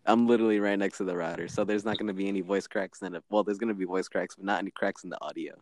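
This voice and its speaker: A young man chatting casually as a podcast host, with vocal fry creeping in at the ends of his sentences. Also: low-pitched, fairly even intonation, racing, no echo. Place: bedroom, under a blanket.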